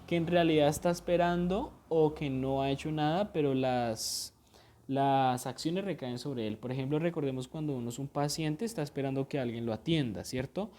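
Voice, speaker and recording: A man's voice: on the high side, normal speed, a little mellow. A male teacher giving a grammar lesson, explaining each point patiently, checking that students follow, and repeating things with small self-corrections.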